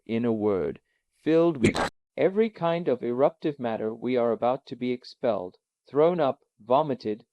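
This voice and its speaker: A man's voice: medium pitch, no room sound. A man voicing a frightened, exasperated young man who speaks in fierce, angry tones. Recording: dull, lo-fi, dry.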